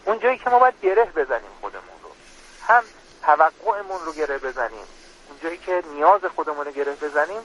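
A man's voice: fairly high pitch, lively intonation, a bit bright. A man speaking as a religious guest, earnestly explaining a prayer on a radio program. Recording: dull lo-fi radio sound.

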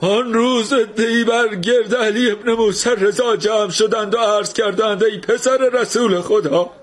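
A man's voice: high voice, steady tone, pitched above the performer's own voice. A man voicing a grieving old man who addresses a crowd in a solemn, raised, declaiming voice.

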